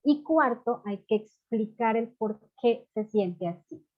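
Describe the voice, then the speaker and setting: A woman's voice: on the high side, animated, slow. Woman giving a chatty parenting talk, dull audio. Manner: conversational, loose phrasing with many fillers. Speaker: parenting educator. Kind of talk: informal online masterclass talk.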